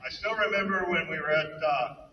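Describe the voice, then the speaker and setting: A man, a fellow coach, giving a halting, emotional memorial speech full of reminiscences. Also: on the high side, muffled recording. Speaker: eulogy speaker, fellow coach. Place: hall at a memorial service. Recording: echoey hall from far off.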